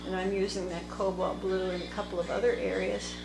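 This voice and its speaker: A woman teaching watercolor, thinking aloud slowly as she paints at a table. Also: medium pitch, level tone, vocal fry. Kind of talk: unscripted painting tutorial narration. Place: indoor table workspace. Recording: echoey room with background music. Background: soft instrumental music.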